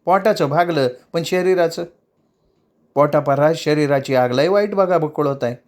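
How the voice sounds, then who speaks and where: A man's voice: fairly high pitch, unhurried, darkish tone, pitched above the performer's own voice, natural voice. A man voicing a lovesick, tearful young tamasha dancer, pleading in rural dialect.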